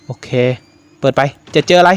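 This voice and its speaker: A man commentating a horror game for his viewers, jumpy and swearing casually. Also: moderate pace. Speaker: gaming YouTuber.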